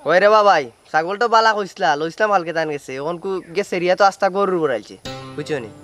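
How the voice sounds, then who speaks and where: A man acting as a fretful villager, Sylheti accent, quick exclamations, faint guitar behind. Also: high-pitched, fairly bright tone.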